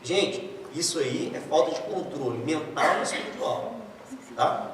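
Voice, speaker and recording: A man's voice: on the high side, animated, a little slow. A man with a Brazilian Portuguese accent preaching a casual sermon, joking and acting out the voices of people he quotes. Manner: jokey, conversational, acts out quoted voices. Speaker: pastor. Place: church hall. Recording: echoey church hall, far-off mic, faint noise.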